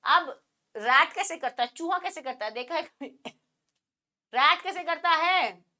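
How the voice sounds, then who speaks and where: Woman, bright sharp tone, teasing teacher, quizzes students, live online lesson. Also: very high voice, lively intonation, slow. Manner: playful and teasing, imitates animal sounds; asks the class many rhetorical questions. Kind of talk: live online exam-prep class.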